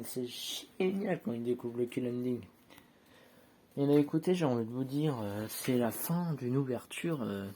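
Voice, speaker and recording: A man's voice: medium pitch, dark tone, slight background noise. A man chatting casually to his viewers as he opens sticker packs, rambling and sorting each card aloud with self-mocking asides, filmed on a handheld phone at home. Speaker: vlogger opening sticker packs. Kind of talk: casual unboxing chat. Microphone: handheld phone camera, no tripod.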